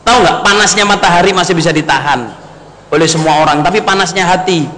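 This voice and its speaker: Addressing his congregation as brothers and sisters and slipping into Javanese, a middle-aged preacher delivers a sermon built on stories. He talks fast in a high voice amid crowd noise, and the recording has long hall reverb and faint noise.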